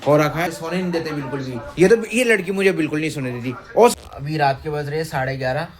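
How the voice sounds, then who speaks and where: A man's voice: a little high, quick pace. A man filming a casual home vlog on a phone, chatting and playfully teasing his young daughter. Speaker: family vlogger and father.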